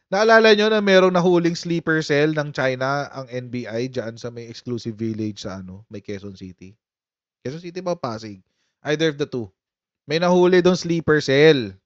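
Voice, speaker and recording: This live-stream host talks politics in a chatty, relaxed way, laughing a lot as he addresses viewers. His voice sits on the high side, clear and resonant, though the dry recording comes across dull, muffled and lo-fi.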